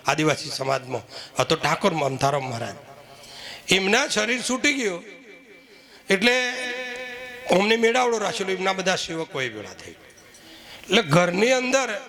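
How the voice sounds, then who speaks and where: A man's voice: high-pitched, vocal fry, sharp tone. A man preaching at a village devotional gathering, who keeps asking the crowd rhetorical questions and sometimes chants verses. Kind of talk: devotional sermon with sung verses.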